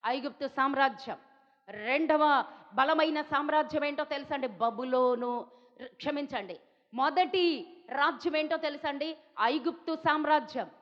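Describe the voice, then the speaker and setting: A woman from India preaching a sermon, talking emphatically and repeating questions to her listeners. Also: high-pitched. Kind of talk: Telugu sermon. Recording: dull sound in a reverberant hall.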